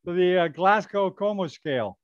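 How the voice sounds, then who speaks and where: A man's voice: high-pitched, animated, unhurried, dry recording. An older man hosting a casual webcast over a video call, chatty and hesitant, talking through a headset with many fillers. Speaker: host. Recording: dry, dull video-call audio.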